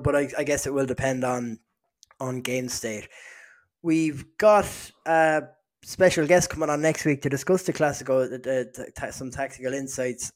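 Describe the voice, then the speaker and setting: A man co-hosting a football podcast, talking in a casual chat with frequent restarts and repeated words. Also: mid-range voice. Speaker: podcast co-host.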